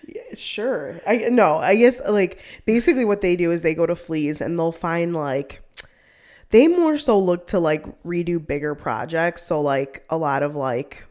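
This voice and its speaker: A woman's voice: lowish voice, animated, a little slow, darkish tone. Chatty young woman, rambling on. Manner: rambling, heavy use of "like", laughs often. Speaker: co-host. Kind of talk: casual chat.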